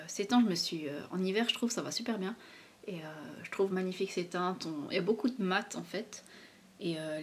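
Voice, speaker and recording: A woman's voice: lowish voice, slight background noise. A young woman, chatting casually about her favorite products as a beauty vlogger, hesitant and full of fillers. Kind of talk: casual product review chat.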